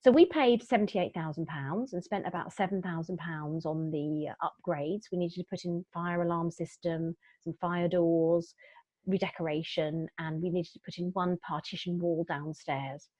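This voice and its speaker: This property investment webinar is led by a middle-aged woman whose lowish, darkish voice moves at a normal speed. She's upbeat and talkative, frequently using fillers and restarting. The lo-fi audio is dull and dry, with no room sound.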